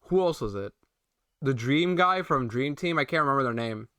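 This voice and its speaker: A man's voice: mid-range voice, animated, moderate pace, sharp tone, dry recording, studio quality. A young man streaming a video game, rambling playfully and chatting with his viewers. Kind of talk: casual game-stream commentary.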